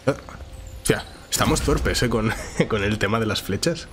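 Game music plays behind a gaming channel host whose voice, on the low side and at a moderate pace, is nasal and congested from a cold and sore throat. He talks informally through a Let's Play, chatty and thinking aloud, with a little hiss or hum in the audio.

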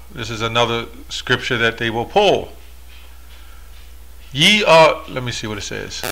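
Bright-voiced man explaining scripture. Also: medium pitch. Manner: reads verses aloud and explains them, rhetorical asides. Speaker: religious commentator. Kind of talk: scripture-reading monologue.

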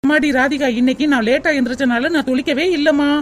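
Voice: high voice, steady tone, fast talker, a little hiss or hum, close to an everyday voice. A woman voicing a meek, put-upon daughter-in-law in a cartoon, talking in a plaintive, pleading way. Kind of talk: cartoon voice acting.

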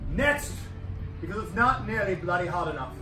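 A high-pitched, animated man talks in playful renaissance fair pirate speech, introducing songs from an outdoor stage. He is picked up from far off, with instruments sounding around him. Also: normal speed, over music. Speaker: singer in a costumed pirate troupe at a renaissance fair. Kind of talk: theatrical stage banter introducing folk songs. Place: open-sided covered outdoor wooden stage at a fair. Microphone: distant camera in the audience. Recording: distant, echoey live stage recording with instruments.

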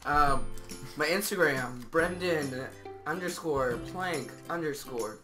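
A man's voice: a little high, slow pace, music in the background. A young man co-hosting a video in a casual, chatty way. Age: teens or young adult. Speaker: video co-host. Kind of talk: casual chat. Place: small bedroom indoors.

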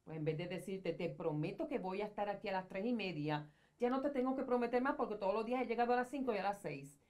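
A middle-aged woman with a medium-pitched, slightly mellow voice talks quickly and earnestly. She's a social communicator appearing as a guest on a studio advice talk show, seated in an armchair on set, counseling and explaining conversationally while gesturing widely.

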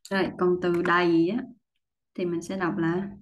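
A woman teaching English pronunciation, explaining patiently step by step and repeating model words, often clearing her throat. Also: lowish voice, a little hiss or hum. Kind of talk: pronunciation lesson.

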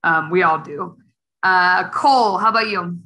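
A woman's voice: fairly low pitch, sharp tone, low-quality recording. A woman moderating a panel discussion, thanking speakers and handing the floor on with encouragement. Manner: encouraging, brisk handoffs. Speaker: co-facilitator.

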